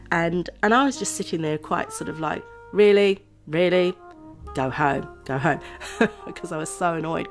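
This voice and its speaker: A woman with a low voice, nasal and a little hoarse from a cold. She talks in a loose, rambling chat with frequent laughs, as if to friends on her channel. Faint music plays softly behind her. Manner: chatty and rambling, laughs often. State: voice going hoarse. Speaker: vlogger. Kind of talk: casual chat to camera.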